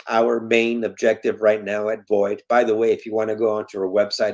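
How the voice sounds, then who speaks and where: A Colombian man in his fifties with a low-ish, slightly mellow voice appears as an interview guest and foundation president. In this casual interview he speaks earnestly and emphatically, repeating his key points.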